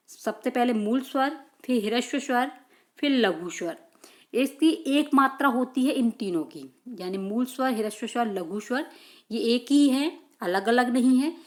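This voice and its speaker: Woman teaching a grammar lesson, fairly high voice, keeps repeating terms and asking then answering herself. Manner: repetitive, stresses key terms, asks and answers own questions. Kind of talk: exam-prep grammar lesson.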